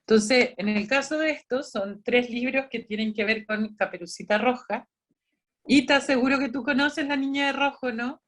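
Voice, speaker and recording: A woman with a fairly high, slightly bright voice speaks at a moderate pace. She's a librarian leading an online training session for volunteer storytellers, explaining things chattily with lots of restarts and bits of quoted dialogue.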